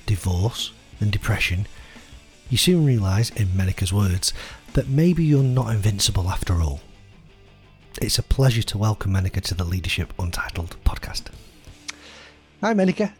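A man's voice: fairly low pitch, darkish tone. A man hosting an interview podcast, talking in a friendly way and often repeating words as he searches for them. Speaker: podcast host.

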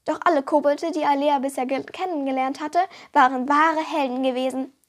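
A woman reading a children's fantasy book excerpt aloud with lively storytelling. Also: high-pitched, a little fast. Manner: lively storytelling, voicing the characters. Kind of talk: audiobook reading.

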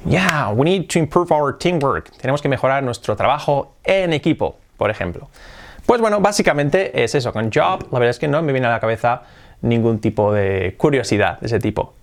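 A man's voice: mid-range voice, brisk, creaky. A man teaching English in a casual online lesson, acting out short English example lines between his explanations. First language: Spanish. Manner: lively, switches between Spanish and acted English examples.

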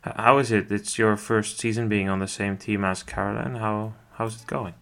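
Low-voiced man hosting a podcast. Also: fairly even intonation, normal speed, bright, forceful tone. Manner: wordy, rambling questions with self-corrections. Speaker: podcast host. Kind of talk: interview questions.

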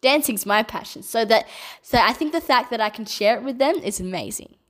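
A twenty-something Australian woman, a children's entertainer, responds to kids' questions from home with gentle, bubbly enthusiasm. Her slightly high voice has lively intonation and moves a little fast.

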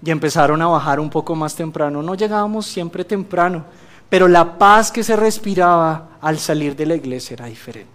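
A man with a high voice shares a church testimony. He tells his story in an animated, humorous way before turning to preaching. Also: fairly quick. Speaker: guest speaker giving a testimony.

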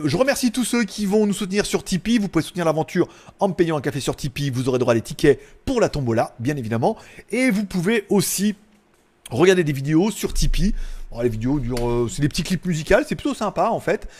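A man hosting a live tech show, chatting casually with viewers in a rambling, excitable way. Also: high-pitched, fast talker. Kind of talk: casual live-stream chat.

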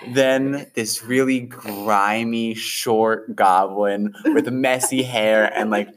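A man narrating a tabletop game as game master, unhurried with frequent fillers. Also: lowish voice, steady tone.

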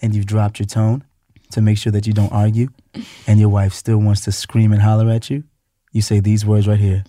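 Guy cohosting a couples podcast, teasing, goes low and calm to prove a point, dead dry sound. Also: moderate pace, no echo. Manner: playful, drops into a low soothing tone to make a point. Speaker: podcast co-host. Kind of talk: casual couple chat.

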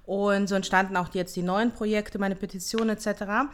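A woman in her thirties from Ukraine, co-hosting a casual podcast chat and pausing often with fillers. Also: medium pitch, steady tone. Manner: hesitant, many fillers. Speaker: podcast co-host.

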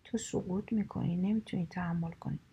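Caring storybook swans, earnest and cautioning, woman narrator doing them, husky. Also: lowish voice, steady tone, mellow, lo-fi sound. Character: two worried caring swans.

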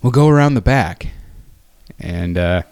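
A goofy space detective, wisecracking, very lively voice, slow delivery. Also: male voice, fairly low pitch, a little hiss or hum. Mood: wry. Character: bumbling male space detective.

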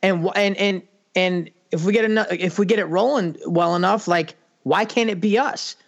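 Male podcast co-host, slightly high voice, casual and halting, swears now and then. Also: lo-fi sound.

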